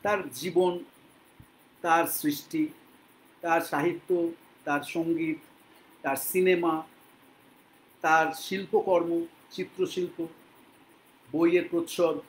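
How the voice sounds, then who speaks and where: A man from Bengal teaching English to learners, speaking patiently and repeating words slowly so they can copy them. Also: fairly high pitch, a little hiss or hum, low-quality recording. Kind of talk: spoken English lesson in Bengali.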